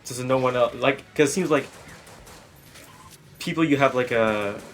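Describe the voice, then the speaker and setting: A man's voice: mid-range voice, moderate pace, fairly bright tone, soft background music. A man asking long, rambling questions full of fillers in a casual chat. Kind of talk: casual group chat about dreams.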